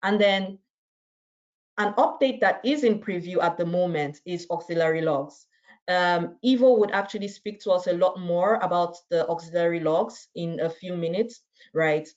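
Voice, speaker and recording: A woman's voice: fairly low pitch, moderate pace, darkish tone. A woman presenting a webinar on a video call, chatting through a product demo and often tagging her sentences with "right?". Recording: dull, muffled video call audio.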